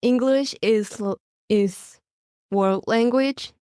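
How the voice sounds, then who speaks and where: Teen girl with a Mongolian accent, slow, halting answers, smooth voice, dry sound. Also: a little high, dark tone, dry recording. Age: teens. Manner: hesitant, searching for words. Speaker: exchange student guest. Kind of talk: casual podcast interview.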